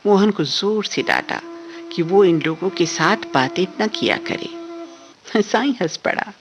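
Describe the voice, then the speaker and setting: A woman reading a story aloud for a radio drama reading, measured and expressive. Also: on the low side, highs cut off. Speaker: story reader.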